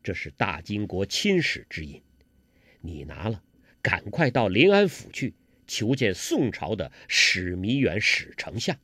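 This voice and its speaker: A male storyteller voicing a sly, self-important young nobleman held prisoner, speaking low and hushed. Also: sing-song, unhurried, no room sound, exaggerated voice.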